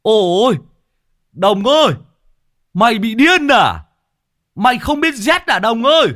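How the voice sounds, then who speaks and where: A man voicing a loud scarred man who yells in a shrill voice. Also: sing-song, slow, exaggerated voice. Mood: shrill yelling. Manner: shrill, shouting.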